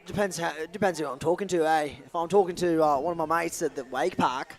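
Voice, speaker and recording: A male sports commentator with a notably high voice, rattling off tricks in hyped, rapid play-by-play. He mixes banter and jokes in between the calls.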